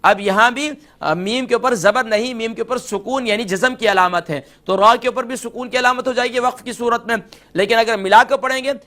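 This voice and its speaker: A man with a Pakistani Urdu accent teaching tajweed, slowly modelling each word before explaining the pronunciation rules. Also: extremely high pitch, bright, forceful tone. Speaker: Quran recitation teacher.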